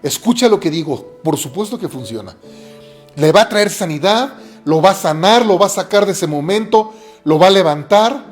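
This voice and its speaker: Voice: mid-range voice, animated, moderate pace. Earnest preacher with faint music. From Mexico. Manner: earnest, repeats key phrases for emphasis. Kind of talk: sermon.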